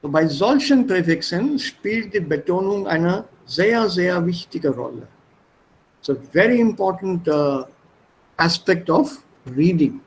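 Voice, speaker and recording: A man teaching an online German class on a video call, drawing out words slowly as he quizzes students on stress, and switching between German and English. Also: sits high, expressive, slight background noise, low-quality recording.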